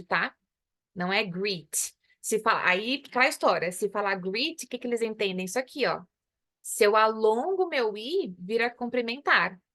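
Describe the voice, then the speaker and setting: A Brazilian woman with a slightly high voice gives a relaxed English lesson. She talks in a chatty way and switches between explaining in Portuguese and repeating English words for practice. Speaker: English teacher. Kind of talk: casual online English lesson.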